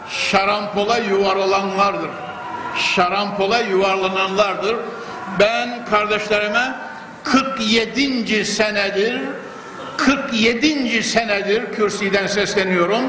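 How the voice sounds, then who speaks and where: An older male preacher with a fairly high voice, heard through a pulpit microphone in a large hall. His fervent, rhythmic delivery rings with long reverb, and steady background noise sits under it. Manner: fervent, rhythmic, repeating phrases for emphasis. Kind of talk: mosque sermon.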